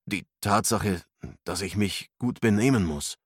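A man's voice: fairly low pitch, a little slow, slightly rough, no room sound, studio quality. A man voicing an earnest, awkward young man, read as part of a storybook narration. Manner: earnest, unsure.

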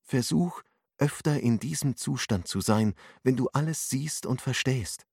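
A man's voice: mid-range voice, unhurried, vocal fry, a little mellow, slightly rough, dry recording, clean studio sound, pitched above the performer's own voice. A man voicing a patient, caring woman who guides and soothes, in an audiobook. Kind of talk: audiobook narration.

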